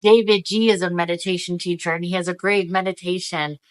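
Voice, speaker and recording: Her mouth numb from a dentist visit, this energy-reading video host talks out of one side of it while motivating viewers in a casual, emphatic, encouraging way. She has a lowish voice, fairly quick, with fairly even intonation.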